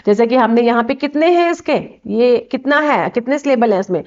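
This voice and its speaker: Lady teacher going through grammar slides step by step, kinda high voice, muffled lo-fi audio. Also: animated, moderate pace, darkish tone. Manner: explains step by step, checks in with frequent 'okay'. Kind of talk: slide-based grammar lesson.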